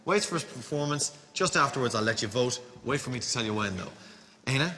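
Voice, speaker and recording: A man's voice: medium pitch, animated, brisk. A man with a west of Ireland accent presenting a studio dating show in a playful, teasing way. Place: large TV studio with audience. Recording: echoey hall, loud crowd and noise. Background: studio crowd.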